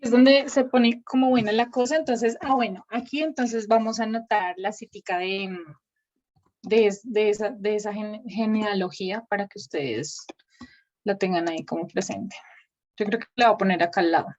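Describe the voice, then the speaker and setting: A woman's voice: medium pitch, steady tone, normal speed, a little mellow. A woman teaching a Bible class over a video call. She thinks aloud while she writes names on a shared screen. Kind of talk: online class with screen sharing. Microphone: computer mic on a video call. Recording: dull lo-fi video call audio.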